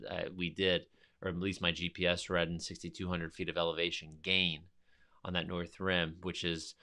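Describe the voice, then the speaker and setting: A man from New York, hosting a podcast, telling a long personal story in a rambling, energetic way and acting out what people said. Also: low-pitched. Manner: rambling, energetic, acts out quotes. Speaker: podcast host. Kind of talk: casual storytelling monologue.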